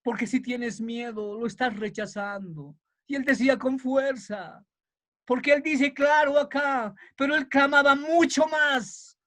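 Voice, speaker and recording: A man preaching a sermon in an emphatic way, building up to fervent shouting. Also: extremely high pitch, steady tone, unhurried.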